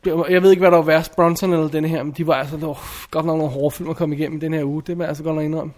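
Man, high voice, blunt film reviewer, casual chat, opinionated, restarts sentences. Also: flat delivery.

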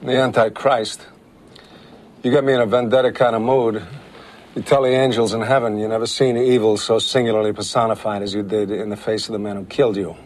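An actor playing a calm, menacing middle-aged mob consigliere who speaks slowly and with quiet threat, in a film scene. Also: male voice, on the low side, a little hiss or hum, natural voice, low-quality recording. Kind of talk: film drama dialogue.

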